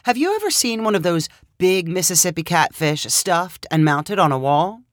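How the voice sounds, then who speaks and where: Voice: medium pitch, sing-song, normal speed, no echo, close to an everyday voice. A storyteller voicing a dry, unimpressed woman lawyer who talks in a wry, mildly teasing way. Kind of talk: storybook reading.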